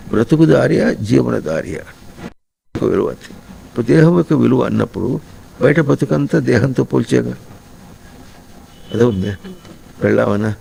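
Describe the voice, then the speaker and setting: A man giving a slow, reflective spiritual discourse to householders, often pausing to ask his listeners questions. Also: medium pitch, creaky, warm tone, slight background noise, rough recording. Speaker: spiritual teacher.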